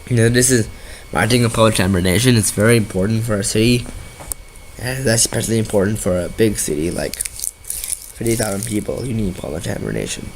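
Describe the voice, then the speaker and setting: A man from Washington State with a nasal voice and a bad cold, giving rambling, halting gameplay commentary as a video creator. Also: on the low side, gravelly, slight background noise, rough recording. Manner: rambling, halting, often restarts sentences.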